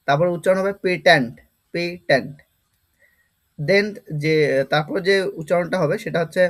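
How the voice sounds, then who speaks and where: Rhetorical Bengali vocabulary teacher, man. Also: high-pitched. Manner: explains step by step, repeats words and asks rhetorical questions. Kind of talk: vocabulary lesson.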